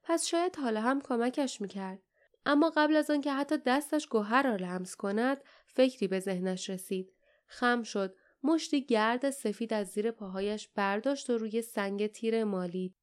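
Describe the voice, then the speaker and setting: A woman reading an audiobook in an even, measured storytelling manner. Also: fairly high pitch, smooth. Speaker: audiobook narrator. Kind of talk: scripted audiobook narration.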